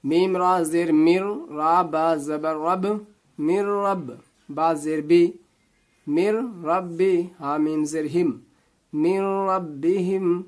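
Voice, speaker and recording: A man teaching Quran reading, spelling out letters and vowel marks syllable by syllable, with quick explanations. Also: fairly high pitch, fairly even intonation. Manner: slow drawn-out syllable-by-syllable recitation between quick explanations. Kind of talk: spelling-out recitation lesson.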